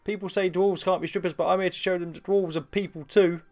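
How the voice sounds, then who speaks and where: A woman's voice: on the low side, steady tone, fast, a little mellow, voice pushed up, close to an everyday voice. A man voicing a brash, cheery female dwarf in a comedy video game. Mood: excited.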